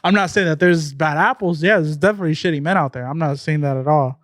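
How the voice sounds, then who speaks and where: A man's voice: fairly high pitch, fast talker, a bit bright, dry recording, clean studio sound. A man co-hosting a podcast in casual chat, arguing his views bluntly and swearing now and then. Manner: argumentative, blunt, curses. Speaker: podcast co-host.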